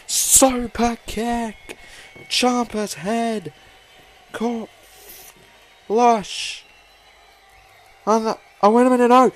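Wrestling commentator, male, high register, unhurried delivery, dramatic exclamatory play-by-play with repeated phrases. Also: a little hiss or hum.

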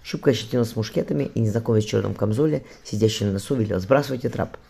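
A man's voice: lowish voice, gravelly, dark tone, husky. A man reading a novel aloud as audiobook narrator, with occasional slips and restarts. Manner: reads fast, with slips and restarts.

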